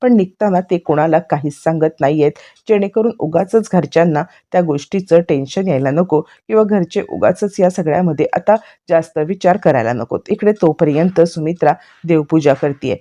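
A woman narrating an episode recap of a TV serial, retelling the dialogue in a steady, explanatory flow. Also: low voice, normal speed, few pauses, dull audio.

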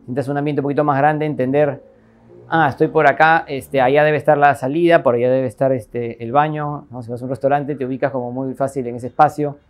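A man's voice: medium pitch, steady tone, brisk. A man in his forties from Lima with a Peruvian accent, an architect speaking thoughtfully in an interview, often tagging sentences with a questioning "no?". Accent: Peruvian Spanish, Lima. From Lima, Peru. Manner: thoughtful, many fillers and "¿no?" tags. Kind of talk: reflective interview monologue. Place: office with bookshelves, indoors.

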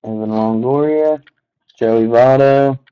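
A man slowly calling out the names on each card as he opens packs, adding relaxed asides. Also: mid-range voice, smooth, dull audio. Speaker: card box breaker. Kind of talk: unscripted card-opening commentary.

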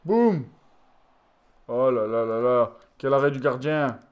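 A tired man commentating his own football video game match, swinging from low muttering to shouted goal calls. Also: steady tone, normal speed, muffled recording. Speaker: gaming YouTuber. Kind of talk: live gameplay commentary.

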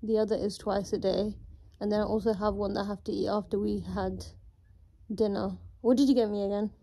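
A young woman chats to her viewers in a casual vlog, her voice shaky and strained from pain. Her tone is soft and mellow, and she keeps talking at an even, everyday pitch. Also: brisk. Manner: chatty, talks to viewers. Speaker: vlogger recovering from surgery.

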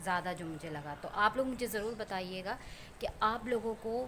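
A woman's voice: mid-range voice, animated, moderate pace, bright, forceful tone, a little hiss or hum. A woman from Pakistan chatting casually to her viewers in a vlog, telling a story and pointing things out around her. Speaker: vlogger. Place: rooftop outdoors.

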